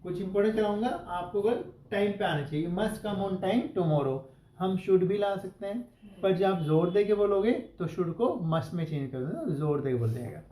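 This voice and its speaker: A man's voice: high-pitched, brisk, warm tone, roomy sound, poor audio. A male English teacher giving a classroom grammar lesson, asking the class questions and spelling out example sentences word by word.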